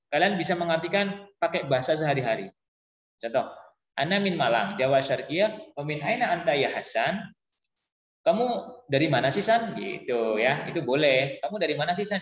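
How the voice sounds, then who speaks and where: A man teaching an Arabic lesson to a class, chatty and relaxed, asking pupils questions and repeating phrases slowly. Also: on the high side, reverberant, long reverb tail, highs cut off. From East Java.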